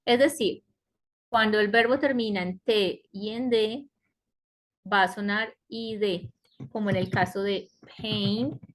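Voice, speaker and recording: A woman teaching an online English class, explaining slowly and patiently and often checking in with her students. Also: medium pitch. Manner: slow, patient explaining with frequent checks like "¿cierto?". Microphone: computer mic on a web conference.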